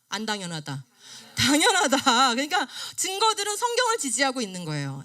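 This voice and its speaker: Middle-aged lady teaching a class, higher voice, swoops up and down a lot, keeps quizzing everyone. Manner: asks the class questions and answers them herself; lively, rising and falling delivery. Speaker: creation science lecturer. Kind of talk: classroom lecture on a study book.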